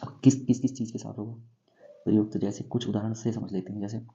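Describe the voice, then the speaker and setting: A man teaching English grammar in a classroom-style lesson, going slowly and asking himself questions before he answers them. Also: lowish voice, level tone, gravelly, dark tone, lo-fi sound. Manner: slow, repeats and quizzes himself with questions.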